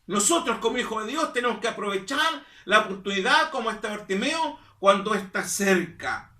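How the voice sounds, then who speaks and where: A pastor preaching in a high, bright, ringing voice, repeating his lines for emphasis. He sits back from the microphone in an echoey church hall. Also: expressive, moderate pace, distant mic. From Chile. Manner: emphatic preaching, repeats phrases, calls listeners "hermano". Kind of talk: sermon. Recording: echoey room, voice from off-mic.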